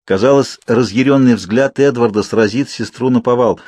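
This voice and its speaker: A man reads a novel aloud in a steady, measured way. His voice is husky and mid-pitched, recorded dry and close with no room sound. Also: no room sound. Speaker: audiobook reader. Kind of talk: audiobook narration.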